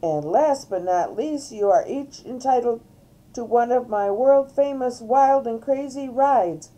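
An older woman voicing a cheerful male cow entertainer, talking in a squeaky voice and announcing his tricks like a grand showman. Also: unhurried, mellow, natural voice, rough recording. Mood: showy.

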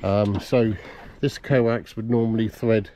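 A middle-aged man presents a car DIY video, giving a casual, plain-spoken how-to demonstration outdoors in a yard and inside a parked car. His lowish, mellow voice moves slowly with fairly even intonation, and there's a little hiss or hum.

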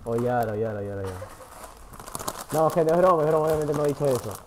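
A man with a Peruvian Spanish accent streaming from an internet café booth, chatting casually with his viewers. He is excitable, swears freely, and swings between loud outbursts and low muttering. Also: racing, background noise. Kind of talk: casual livestream chat.

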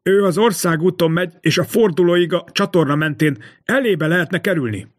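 A man voicing a greedy, feverish innkeeper's wife who speaks hoarsely and taunts her husband in an audiobook. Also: on the low side, close to an everyday voice. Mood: taunting. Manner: taunting, needling.

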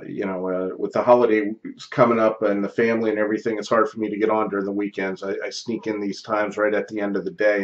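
A middle-aged American man with a lowish voice chats casually on amateur radio, using call signs and phonetic spelling. He sits in his home office radio room at a close studio microphone on a boom arm, and the highs are cut off.

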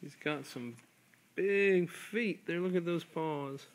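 A woman's voice: lowish voice, takes it slowly. A woman chatting casually at home and cooing playfully at a new puppy. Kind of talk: casual home video chat. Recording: home video with clear background noise.

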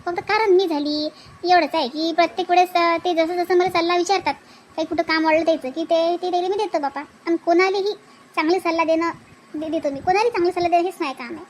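A woman's voice: very high-pitched, fairly even intonation, fast talker, slight background noise. A woman voicing a modest, talkative older village woman in a cartoon. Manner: rambling and self-justifying.

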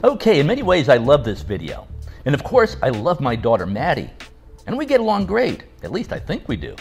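An older man in his sixties talks through a prepared response at home, his pitch swinging widely from phrase to phrase. He explains things step by step with a dry, wry edge, and faint music runs underneath. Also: creaky. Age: 60s. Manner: animated, measured explanation with wry asides. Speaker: father responding to a video. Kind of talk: scripted video response. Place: home room, seated in leather armchair.

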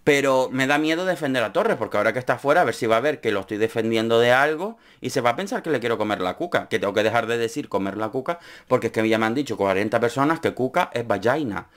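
A young man from Spain giving casual comedic commentary on a reality show, laughing often and slipping into high mimicking voices. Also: animated, fast talker, few pauses.

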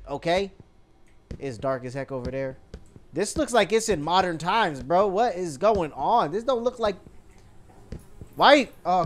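A young man casually commentating a horror game for viewers, slangy and easily startled. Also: sits high. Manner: slangy, jumpy, talks to viewers. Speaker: gaming YouTuber. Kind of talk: horror let's play commentary.

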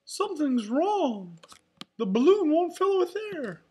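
A woman's voice: high-pitched, big pitch swings, slow, dark tone, pitched above the performer's own voice, exaggerated voice. A woman voicing a cheerful male cartoon mouse with bubbly, exclaiming delivery while reading a storybook. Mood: concerned, pleading.

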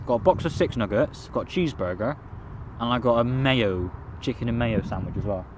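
A man's voice: medium pitch, expressive, brisk. Sweary young English man vlogging outdoors. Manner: crude, rambling, sweary commentary. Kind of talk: casual swearing vlog. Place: outdoors by an urban road. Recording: outdoor phone recording with traffic noise.

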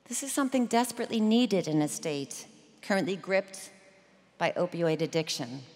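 A middle-aged woman delivering a prepared commencement speech in a deliberate, measured storytelling manner at a podium microphone. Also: lowish voice, animated, a little mellow. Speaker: commencement speaker. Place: large ceremony venue. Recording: long reverb of a big venue.

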